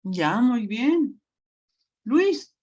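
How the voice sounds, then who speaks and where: A woman's voice: fairly high pitch, sing-song, a little mellow, muffled recording. A woman teaching a grammar lesson, explaining patiently and often checking that the class follows. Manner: slow, patient explaining with frequent check-ins.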